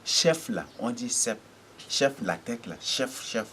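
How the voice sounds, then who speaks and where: A man preaching a teaching sermon, halting and repeating words, often asking rhetorical checks. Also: mid-range voice, expressive, bright, forceful tone, slight background noise.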